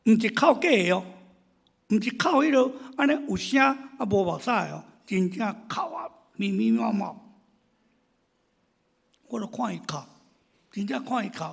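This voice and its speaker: A male pastor delivers his sermon in a high, wildly lively voice, husky and rough at the edges. He tells stories with animation, acting out his congregants' complaints, and moves from loud exclamations to hushed asides.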